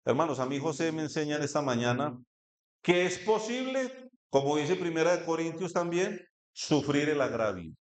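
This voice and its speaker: A man's voice: fairly high pitch, expressive, normal speed. A man with a Colombian Spanish accent preaching a sermon, reading scripture and asking the congregation questions. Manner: asks the congregation questions, reads scripture aloud. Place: church hall. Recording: echoey church room.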